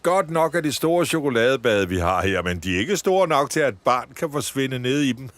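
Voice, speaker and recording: A man's voice: medium pitch, very animated, fairly bright tone, no room sound, pitched above the performer's own voice. A man voicing a good-natured, bemused chocolate-factory worker in a storybook reading. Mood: amused.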